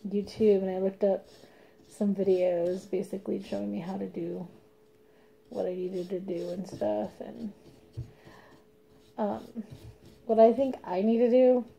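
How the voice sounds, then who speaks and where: A young woman talks her way through a craft project in a loose, rambling chat, laughing often and sometimes sinking to a murmur. Her voice is very dark and mellow, with a gravelly edge. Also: medium pitch, steady tone, measured pace, pauses often, rough recording. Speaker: craft vlogger. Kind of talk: casual chat while painting.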